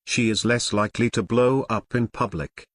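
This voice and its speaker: A man reading an audiobook aloud in a wry, mock-grandiose way, with dramatic pauses, close to the mic. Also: mid-range voice, fairly even intonation, no room sound. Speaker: audiobook narrator. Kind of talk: scripted narration.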